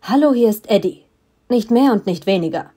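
A cold, mind-controlling young male villain, as a woman reader voices him in an audiobook. He speaks in calm, condescending threats, with a mellow, warm tone that never hurries. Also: medium pitch, moderate pace, breathy edge. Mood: coolly threatening. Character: menacing young man who controls minds, cold and mocking.

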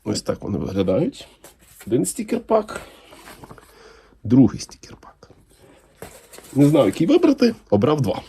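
A man's voice: a little high, creaky, breathy edge. A man talking casually and enthusiastically as he unboxes comics for his channel. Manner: enthusiastic, unhurried, lively intonation.

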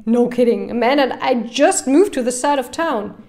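A woman's voice: high-pitched, animated, moderate pace, mellow. Woman reading an easygoing young dad.

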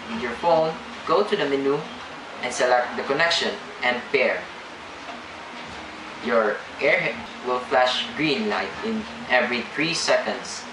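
A young man playing a polite call center agent, with a stilted, halting scripted delivery. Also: medium pitch, close to an everyday voice. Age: young adult. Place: small indoor room. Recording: echoey room, loud background hum.

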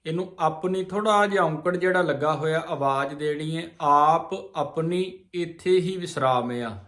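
A man teaching scripture recitation, chanting verses slowly and then explaining the correct pronunciation. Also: fairly high pitch, a bit bright. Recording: roomy echo.

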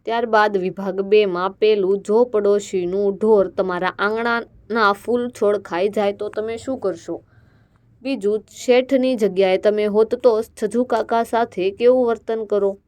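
A woman's voice: medium pitch, steady tone, a little slow, darkish tone. A woman teacher going through exam answers, reading each sentence and then stating the answer word.

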